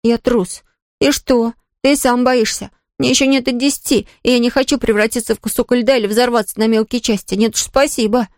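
A woman voicing a stubborn, anxious boy under ten who talks quickly and defensively. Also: a little high, fairly even intonation, a little mellow, dry recording, studio quality, pitched above the performer's own voice, natural voice.

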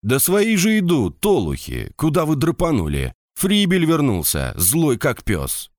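A man's voice: a little high, unhurried, no echo, studio quality, voice pushed up. A man voicing a young soldier who mockingly calls out to his comrades in an audiobook. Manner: mocking, excited calling out.

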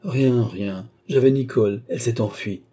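A man reading an audiobook, voicing a gentle, devoted young noble lady in a softly lifted voice. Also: mid-range voice, normal speed, husky, lightly acted. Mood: tender.

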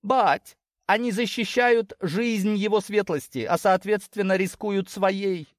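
A man voicing a fed-up, sharp-tongued young female sheep who snaps and gets exasperated. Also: sits high, slow, dry recording, clean studio sound, voice pushed up. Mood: pleading. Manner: exasperated, snapping.

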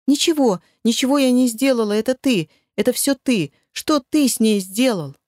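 Audiobook: a woman doing a shrill, agitated young woman, panicky and accusing, dry close read. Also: animated, moderate pace, darkish tone, dry recording, close to an everyday voice. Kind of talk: audiobook character voice.

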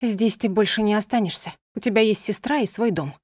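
A woman's voice: medium pitch, brisk, a little mellow, husky, no room sound, clean studio sound, natural voice. A woman voicing a determined young woman who speaks earnestly and firmly.

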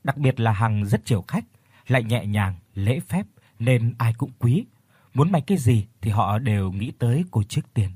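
A man narrating an audio story in a steady storytelling manner. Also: medium pitch, moderate pace, husky, no room sound. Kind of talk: scripted narration.

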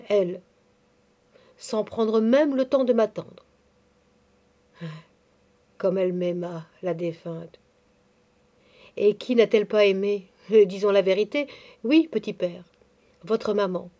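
A woman's voice: medium pitch, measured pace, pauses often, natural voice. A woman reading the part of a devout, grieving elderly nursemaid, speaking tenderly and confidingly. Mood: mournful. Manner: tender, pious, softly confiding.

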